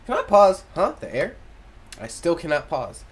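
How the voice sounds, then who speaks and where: Young man, gaming commentary, jokey and profane, slangy, animated pitch. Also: moderate pace, breathy edge. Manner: joking and profane, with slangy asides. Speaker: gaming YouTuber. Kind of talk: let's-play commentary, reading game text aloud.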